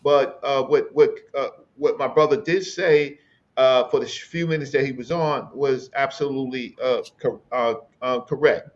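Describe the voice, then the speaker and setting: A man in his late fifties from the Bronx, debating in a halting way, with many fillers and restarts. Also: medium pitch, fairly even intonation, dull audio. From the Bronx, New York. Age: 50s. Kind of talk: heated debate.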